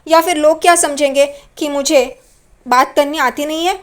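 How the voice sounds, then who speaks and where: A self-assured young woman firmly sending her helper away, as a woman narrator voices her. Her tone is firm and dismissive, in a high voice. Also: fairly even intonation, moderate pace, natural voice. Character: determined young woman, sure of herself.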